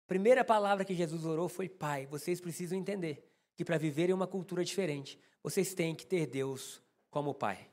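A man's voice: a little high, moderate pace, darkish tone. A man with a Brazilian Portuguese accent preaching a sermon to his congregation. He tells a personal story with humor and speaks straight to the listeners. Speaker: pastor.

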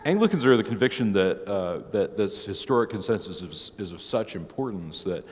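A man who preaches, teaching a church catechism class in a relaxed, conversational way, heard with a long church echo. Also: lowish voice, a little fast. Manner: conversational, tags many points with "right?". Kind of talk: informal church class teaching, opening with prayer.

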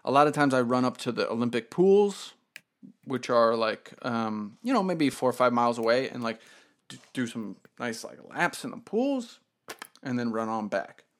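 A man co-hosting a casual chat, telling a story in an animated, profane way with bursts of laughter. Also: medium pitch, normal speed. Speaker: podcast co-host.

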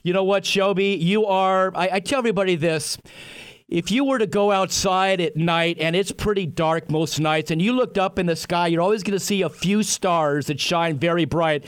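A man hosting a radio show like a grandiose ringmaster, piling up superlatives with drawn-out flourishes. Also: sits high, smooth. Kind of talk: ringmaster-style show announcing.

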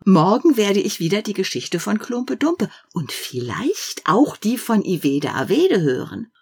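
A woman voicing a small, anxious fir tree in a storybook reading, with hushed, breathy whispers full of wonder. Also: medium pitch, very animated, a little slow, voice pushed up, heavily acted. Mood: hopeful.

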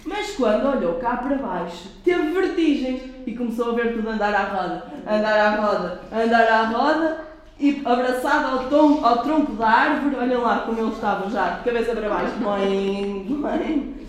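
A woman's voice: a little high, moderate pace. A woman reading a picture book aloud to children and asking them questions as she goes. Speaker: children's storyteller. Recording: very echoey room.

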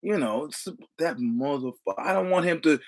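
A man in his sixties with a New York accent, a guest in casual conversation, tells rambling, profane anecdotes full of quoted dialogue. His voice is fairly high, expressive, and brisk, with a darkish tone.

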